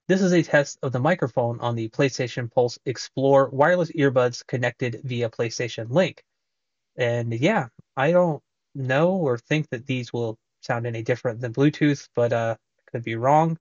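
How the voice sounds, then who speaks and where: A man's voice: mid-range voice, normal speed, dry recording, dull audio. A man testing wireless earbud and headset mics in a casual, rambling way, his voice heard through each mic. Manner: relaxed, rambling, many fillers. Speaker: tech reviewer. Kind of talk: casual mic test talk.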